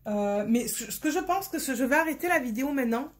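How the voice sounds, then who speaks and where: Woman, Marseille accent, casual vlog chatter, hesitant and rambling, recorded on a phone, a bit high-pitched. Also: animated, fast. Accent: Marseille French. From Marseille, France. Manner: rambling, hesitant, searching for words. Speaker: diamond painting vlogger. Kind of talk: casual chat to camera.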